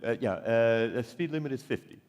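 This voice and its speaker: A man's voice: medium pitch, a little fast, a little mellow, clean tone. A man volunteering from the audience, giving brief, hesitant answers. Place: conference hall. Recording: distant voice in reverberant hall.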